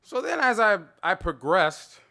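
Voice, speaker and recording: A man in his thirties gives an animated gallery talk about his own art. His pitch sits fairly high and swings a lot as he talks. His voice is bright, and he wanders off into stories, acting out the voices in them. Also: a little slow, vocal fry. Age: 30s. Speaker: artist talking about his own work. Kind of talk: gallery talk, casual storytelling.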